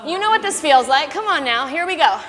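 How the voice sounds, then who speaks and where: High-voiced woman giving rousing workout pep talk. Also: animated, a little fast, big-room sound, background noise. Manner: rousing, pushing counts and short commands while exercising. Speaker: fitness instructor leading a workout. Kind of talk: motivational pep-talk coaching during exercise. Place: large bright loft studio, indoors. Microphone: body-worn wireless mic. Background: music.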